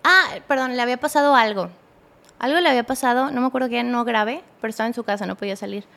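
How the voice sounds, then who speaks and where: A young woman with a Mexican accent, a podcast guest telling a personal story in a halting way with many restarts. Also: fairly high pitch, creaky, fairly bright tone.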